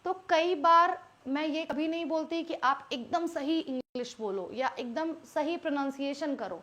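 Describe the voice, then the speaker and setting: A woman with an Indian accent, her voice high and bright, teaches an online English class. She walks through each point step by step and keeps putting questions to her students. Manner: explains step by step, quizzing students with frequent questions.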